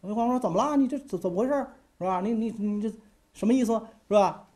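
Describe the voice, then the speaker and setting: A man playing a boastful, hot-tempered ancient king who blusters excitably. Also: sits high, a little fast. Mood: angry.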